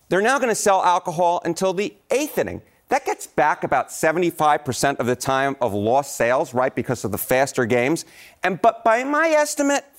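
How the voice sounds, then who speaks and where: A man presenting data on a live morning news program, talking with bouncy enthusiasm. He checks in with "right?" as he goes, and his voice sits a little on the high side. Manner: quick, enthusiastic, often adds "right?". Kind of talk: explaining statistics on live TV.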